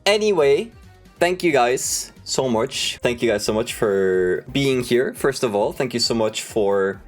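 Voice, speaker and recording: A young man chatting casually on a livestream, telling stories in an animated, sweary way. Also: mid-range voice, measured pace. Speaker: streamer. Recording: music playing behind the voice. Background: background music.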